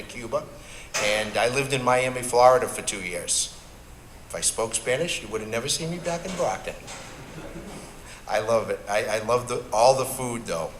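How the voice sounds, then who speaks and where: Slow-talking man hosting in an echoey hall. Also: on the low side, background noise. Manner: relaxed, chatty asides. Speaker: event host. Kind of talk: introducing speakers at a live event. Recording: echoey hall with long reverb.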